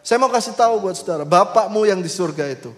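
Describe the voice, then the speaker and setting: A male pastor preaching a sermon, voice surging high and loud on key phrases as he leads the congregation through scripture. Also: expressive, quick pace, big-room sound, faint music behind. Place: church sanctuary.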